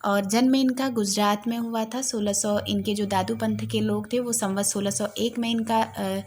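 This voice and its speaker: A woman teaching a literature lesson for exam preparation. She explains patiently, repeats key points, uses frequent fillers, and recites verses slowly and carefully. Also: mid-range voice, steady tone, a little mellow, slight background noise. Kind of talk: exam-focused lecture.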